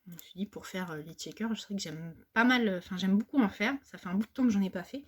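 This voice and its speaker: A woman's voice: mid-range voice, quick pace, breathy edge. Chatty French woman showing craft buys. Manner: hesitant, many fillers and restarts. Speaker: crafting haul vlogger. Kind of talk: casual chat.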